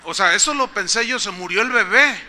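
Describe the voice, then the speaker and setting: A Mexican-accented pastor with a high, very bright, forceful voice. He preaches in a conversational storytelling style and often asks the congregation questions. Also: animated, brisk. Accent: Mexican Spanish. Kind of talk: storytelling sermon.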